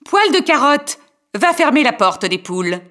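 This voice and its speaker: A man's voice: very high voice, sing-song, unhurried, pushed and bright, pitched above the performer's own voice, heavily acted. A man voicing a stern, cold mother who gives curt orders to her children. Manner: curt, bossy.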